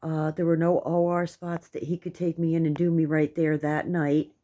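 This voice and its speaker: A woman's voice: deep voice, flat delivery, moderate pace, mellow. A middle-aged American woman with toothless speech, giving a rambling, candid personal update in casual, coarse words. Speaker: vlogger.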